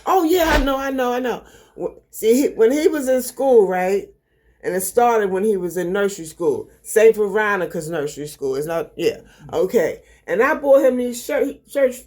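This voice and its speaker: A woman's voice: mid-range voice, animated, normal speed, darkish tone. An older woman with a Baltimore accent, telling family stories in a folksy, rambling, casual way. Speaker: mother sharing memories. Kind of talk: casual chat, storytelling.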